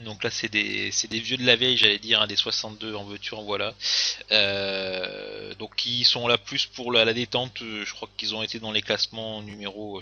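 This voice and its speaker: Bright-toned man, hesitant game commentary. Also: on the low side, highs cut off. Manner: hesitant, many fillers and restarts. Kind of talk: casual commentary on game replays.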